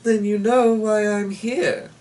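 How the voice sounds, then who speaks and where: A man doing a sly, high-voiced little devil. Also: flat delivery, takes it slowly, a little mellow. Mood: affable. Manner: affable, threatening. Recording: voice far from the mic.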